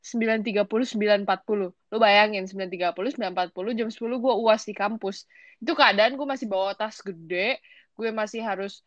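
A young woman tells a story on a podcast in an animated, slangy way. Her voice sits at an ordinary middle pitch. The recording is dull and dry. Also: dry recording. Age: young adult. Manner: animated, slangy, quick bursts of excitement. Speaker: podcast co-host. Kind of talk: casual storytelling chat.

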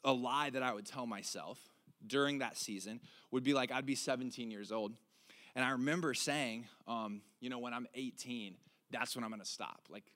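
A man's voice: medium pitch, fairly bright tone. A man in his twenties preaching a sermon in a casual, candid way, often restarting and repeating words. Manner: casual, candid, stumbling repetitions. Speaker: pastor.

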